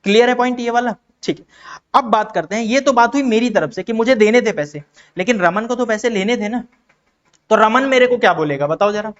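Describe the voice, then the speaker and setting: A man's voice: high voice, fairly bright tone, muffled recording. A man from India teaching an accounting lesson, posing questions and answering them himself and repeating key terms. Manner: acts out quick exchanges in other voices. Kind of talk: classroom-style explanation with questions to students.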